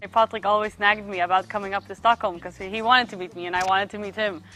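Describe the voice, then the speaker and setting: A young woman from Sweden, speaking English with a voice of ordinary pitch. She is a youth worker giving thoughtful interview answers, stopping often to search for the right word. Quiet music plays faintly behind her. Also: steady tone, fast talker.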